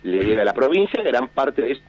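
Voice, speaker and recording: An Argentine security official calls into a radio show and explains matters in a measured way, hesitating often. His medium-pitched voice is very animated. The phone line is choppy and keeps cutting out.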